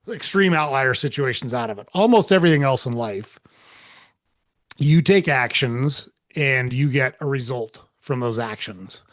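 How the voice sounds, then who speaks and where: An earnest man lays out his views like a coach, as an interview guest. His voice sits at an ordinary pitch, and the recording is dry and close, with little room sound. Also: dry recording. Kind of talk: reflective interview talk.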